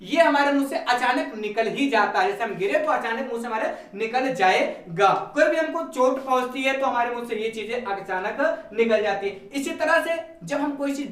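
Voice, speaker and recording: Guy teaching a class, high voice, asks then answers his own questions, mic far off. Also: a bit bright. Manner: asks rhetorical questions and answers them himself; repeats key terms slowly. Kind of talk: classroom grammar lesson. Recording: echoey room, mic far off.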